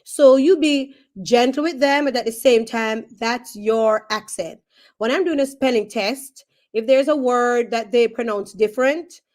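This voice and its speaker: A woman with a Jamaican accent, a third grade teacher chatting as a guest in a relaxed way, often tagging her sentences with "right?". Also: fairly high pitch. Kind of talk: casual interview.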